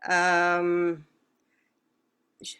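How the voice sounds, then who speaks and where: A woman leads an online language lesson, speaking slowly in a slightly low voice. She repeats words with care and answers questions patiently, as if over a video call. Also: monotone, a bit bright, clear, resonant tone. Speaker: language teacher.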